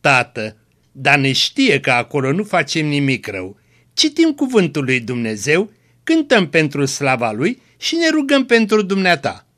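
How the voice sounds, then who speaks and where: A man voicing a gentle, pious young peasant woman in a read-aloud story, speaking softly and pleadingly. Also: fairly high pitch, huge pitch swings. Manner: pleading, soft.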